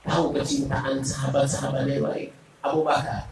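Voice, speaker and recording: A man preaching a sermon with passion, swinging from shouts to hushed tones. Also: medium pitch, completely flat delivery, moderate pace, gravelly, a little hiss or hum. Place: mosque gathering, indoors. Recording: echoey hall from far off.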